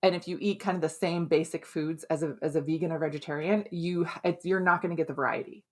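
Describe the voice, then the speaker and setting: Chatty woman health coach, lowish voice. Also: fairly even intonation, a little mellow. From Minnesota. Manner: chatty, keeps asking "right?"; laughs often, quick asides. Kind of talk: casual advice talk to camera.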